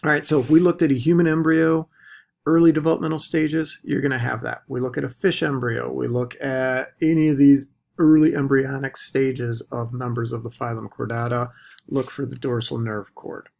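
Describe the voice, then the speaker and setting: A man teaching a recorded biology lecture, deliberately stressing the key terms. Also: medium pitch, fairly even intonation, creaky, a little mellow. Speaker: biology instructor.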